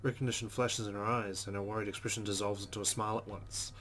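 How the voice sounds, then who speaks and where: A fairly bright, lowish male voice delivers a visual novel's first-person narration as a let's player would, dramatizing the game's on-screen text. He keeps a fast pace with little pitch variation, over noticeable background noise.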